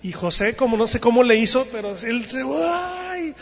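A man preaching a sermon to young people, telling the story in an animated way and acting out the voices in it. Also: very high voice, a little fast. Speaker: youth preacher. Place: church hall. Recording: dull sound, long hall reverb.

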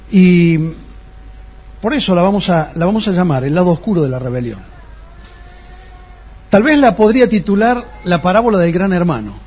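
Husky, high-voiced preacher teaching a congregation. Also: male voice, a little mellow. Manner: teaching, asks the congregation rhetorical questions. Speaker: pastor. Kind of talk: sermon.

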